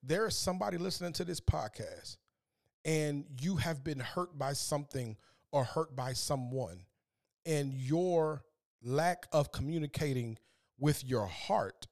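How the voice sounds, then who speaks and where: A podcast host delivers an earnest, preachy, faith-based motivational talk, repeating words as he gets fired up. His voice is mid-range and a little mellow.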